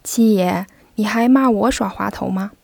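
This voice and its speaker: A woman's voice: medium pitch, moderate pace, gravelly, a little mellow, no echo. A woman voicing a sly, joking male servant who banters with his young master, in a storybook reading. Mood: bantering. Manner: cheeky, bantering.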